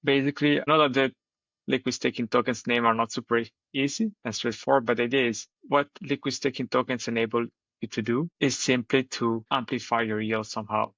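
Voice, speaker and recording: A man's voice: medium pitch, fairly even intonation, fairly quick, fairly bright tone, dry recording. A man on a choppy, robotic-sounding internet connection, explaining finance strategies step by step as a guest on a live audio show. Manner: methodical step-by-step explanation with frequent "like". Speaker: guest from a crypto staking project. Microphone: remote call connection. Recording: dull, lo-fi, dry call audio.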